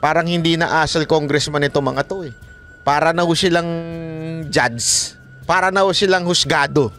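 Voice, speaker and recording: A man's voice: fairly high pitch, normal speed, a bit bright. A man giving sarcastic, mocking political commentary in a casual vlog, often laughing and asking his viewers questions, with music playing underneath.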